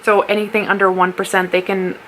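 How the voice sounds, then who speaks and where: A woman's voice: medium pitch, level tone, fairly quick, a bit bright, slight background noise, poor audio. A woman giving a casual solo product review in a candid, playful, sweary and rambling, tipsy manner.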